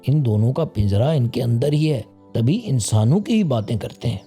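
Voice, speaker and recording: A man's voice: mid-range voice, expressive, mellow, soft background music, natural voice. A man voicing a small male bird who patiently explains things to his wife.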